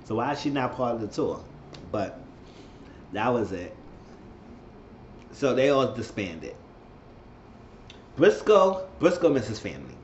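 Animated man recapping drama, roomy sound. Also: medium pitch, slow pace, long pauses, lo-fi sound, a little hiss or hum. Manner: animated, gossipy, acts out the quotes. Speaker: reality TV reviewer. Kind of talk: casual recap commentary.

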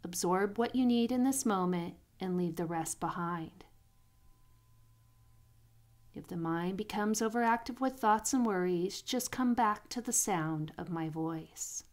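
A female meditation guide with a medium-pitched voice leads a sleep meditation, soothing and unhurried. She pauses between phrases and lets each one end softly and breathily.

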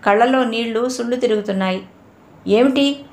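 A woman narrating a novel in a steady, measured storytelling manner. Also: a little high. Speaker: audiobook narrator. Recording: roomy echo.

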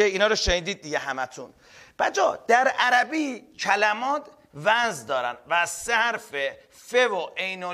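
A man teaching a live online class, energetic, repeating key terms and calling on the students often. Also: sits high. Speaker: online tutor. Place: indoors, filmed for a live class.

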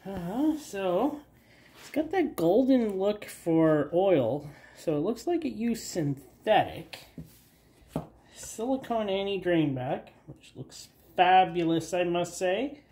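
Cutting apart parts at an outdoor table, a woman who has a cold narrates her garage channel in a fairly low, dark, expressive voice. She talks casually and rambles, stumbling over fillers and poking fun at herself as she works through the DIY task.

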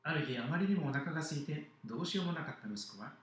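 Animated man telling a sermon story, echoey hall. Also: on the high side, fast talker. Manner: animated, acting out voices in the story. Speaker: pastor.

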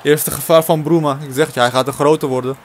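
A young man giving casual, excitable commentary on his own football video game match, shouting at the players. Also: fairly high pitch, brisk, a little hiss or hum. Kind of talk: casual let's-play commentary. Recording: music playing behind.

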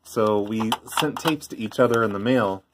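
A man's voice: lowish voice, normal speed, background noise. A middle-aged man giving an offhand, rambling show-and-tell commentary in a casual way. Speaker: vlogger, former prank call tape trader. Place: indoors by a tape deck.

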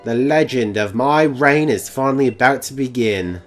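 A man voicing an eager, cocky young male rival trainer who talks in an excitable, boastful way. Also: mid-range voice, normal speed, faint music behind, close to an everyday voice. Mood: excited.

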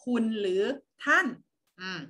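A woman teaching an online lesson to young children, coaxing them in a slow, sing-song voice. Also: pushed and bright. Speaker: kindergarten teacher.

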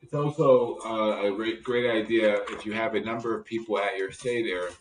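A man's voice: lowish voice, fairly even intonation, moderate pace. A man co-hosting from a dining room, talking casually with hesitant fillers. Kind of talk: casual chat. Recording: distant roomy audio with noise.

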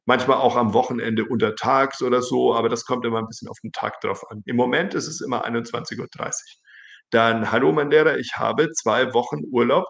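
Middle-aged man with a gravelly voice, teaching German. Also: medium pitch, steady tone, a little fast, a bit bright. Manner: reads comments aloud and corrects them, chatty. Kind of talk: live-stream lesson reading viewer comments. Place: indoor living room with a large plant.

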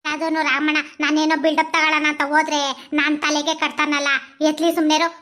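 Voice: high voice, monotone, fast talker, sharp tone. Someone playing a bossy old village woman. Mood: scolding. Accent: Mandya Kannada. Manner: scolding, bossy.

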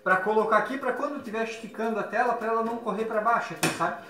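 A fast-talking Brazilian man in his thirties with a high voice demonstrates window installation as he works in a large workshop, with background noise present. He explains plainly, often ending lines with tag questions. A nearby phone camera captures the echo and background music.

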